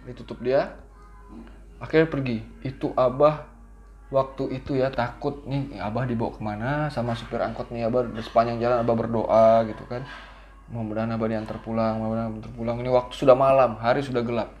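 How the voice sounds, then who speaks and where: A middle-aged man telling his children a story from his own childhood in a casual, lively way, acting out his younger self. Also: medium pitch, fairly quick, highs cut off. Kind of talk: casual bedtime-style storytelling.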